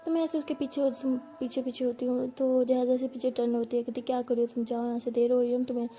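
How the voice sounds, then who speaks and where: A woman's voice: fairly high pitch, level tone, quick pace, dark tone. A woman narrating a first-person love story in a tender, intimate way, acting out the dialogue herself. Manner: tender, intimate, voices both partners in the story.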